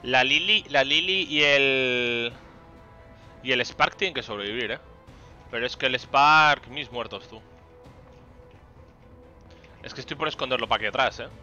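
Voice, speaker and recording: A man's voice: medium pitch, unhurried, long pauses, sharp tone, highs cut off, soft background music. A young man with a Spain Spanish accent, chatting animatedly on a live game stream, telling an exasperated story and swearing often. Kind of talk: casual live-stream chat while gaming.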